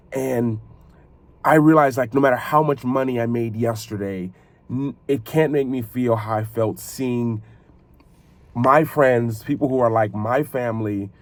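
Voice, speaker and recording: Guy doing a motivational vlog talk, medium pitch voice, earnest n reflective, kinda halting, repeats himself to make the point. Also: darkish tone, no room sound. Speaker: video creator and podcaster. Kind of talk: motivational talk addressed to viewers.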